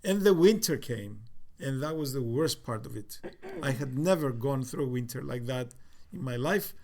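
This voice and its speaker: A man in his sixties from Cyprus with a light Cypriot accent, recalling the past in a casual family interview, halting often with fillers. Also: mid-range voice, expressive, darkish tone, a little hiss or hum. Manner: reflective, halting with many fillers. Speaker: interviewee, father.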